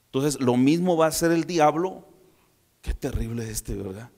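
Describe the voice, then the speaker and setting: A man from preaching a sermon, retelling a story with lively, humorous asides to his congregation. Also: medium pitch, moderate pace, long reverb tail. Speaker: pastor.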